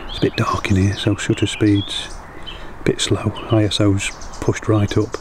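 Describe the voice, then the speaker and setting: A middle-aged man, a bird tour guide and wildlife photographer, narrating a casual vlog to a camera-mounted mic outdoors in woodland, talking quietly and unhurriedly. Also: lowish voice, little pitch movement. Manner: quiet, hushed and unhurried, keeping noise down for wildlife. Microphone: camera-mounted mic, close selfie framing. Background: background music and birdsong.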